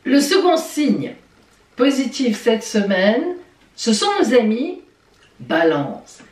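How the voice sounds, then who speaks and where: A woman's voice: fairly high pitch, very animated, slow pace, far from the mic. A woman giving weekly horoscopes in a playful, chatty way, talking straight to her listeners. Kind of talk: casual horoscope reading. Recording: roomy sound from off-mic.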